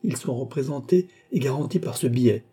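A man's voice: mid-range voice, fairly quick, mellow, slightly rough. A man reading a proud cardinal prince in financial distress, haughty yet anxious and pleading. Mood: anxious pride.

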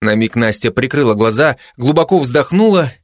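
A man narrating a children's fantasy story in an even, expressive reading. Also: mid-range voice, moderate pace. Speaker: audiobook narrator.

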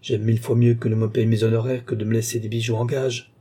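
A man's voice: mid-range voice, flat delivery, fast, mellow, lightly acted. A man voicing a scheming, greedy woman doctor who talks down coolly and sweetly, in an audiobook reading. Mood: coldly wheedling. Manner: coolly condescending, calls her "ma petite".

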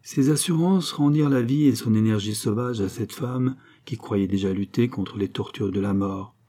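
Mellow, husky male audiobook narrator. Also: on the low side. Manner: measured, steady storytelling. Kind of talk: scripted literary narration.

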